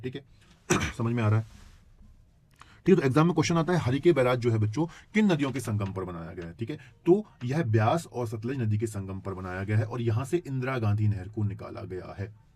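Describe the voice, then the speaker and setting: A man teaching geography for exam prep, who keeps asking his students rhetorical check-in questions and clears his throat now and then. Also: medium pitch, darkish tone. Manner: addresses students as children.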